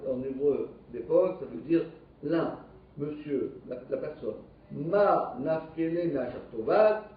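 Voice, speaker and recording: Man teaching Talmud, questioning and lively, slightly high voice, distant echoey dull sound. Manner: animated, questioning, explains step by step. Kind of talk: live Talmud class. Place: classroom.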